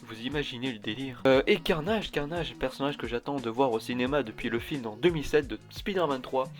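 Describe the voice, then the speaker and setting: A male vlogger chatting casually to his viewers, his thoughts tumbling out in loose, self-correcting sentences. His voice sits at a middling pitch, with faint music playing underneath. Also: fairly quick. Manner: rambling, with frequent restarts and asides. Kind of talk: casual chat.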